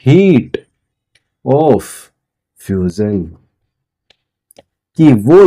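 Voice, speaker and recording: A man's voice: on the high side, mellow. A man lecturing a class, asking questions and answering them himself, repeating key phrases again and again. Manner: repetitive call-and-response questioning, drawn-out key words. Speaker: teacher.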